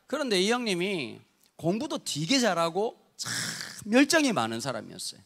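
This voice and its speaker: A pastor in his fifties from Busan, preaching a sermon in a lively, humorous storytelling way and speaking straight to his congregation. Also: sits high. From Busan, South Korea.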